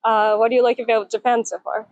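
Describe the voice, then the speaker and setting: A woman interviewing tourists on the street, asking short questions in a soft, gentle way. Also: fairly high pitch, little pitch movement, quick pace, dry recording, lo-fi sound. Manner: soft-spoken, brief prompting questions.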